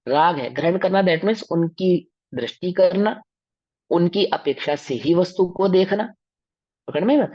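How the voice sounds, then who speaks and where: A man's voice: high voice, animated, a little slow, no echo. A man teaching a scripture study class who explains step by step and keeps asking the class rhetorical questions. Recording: dull, dry recording.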